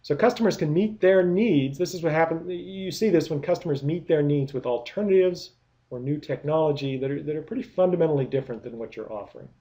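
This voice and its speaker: A man's voice: on the high side, brisk, mellow. A man giving a recorded business lecture, explaining step by step with many rhetorical questions and frequent restarts. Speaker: product management lecturer.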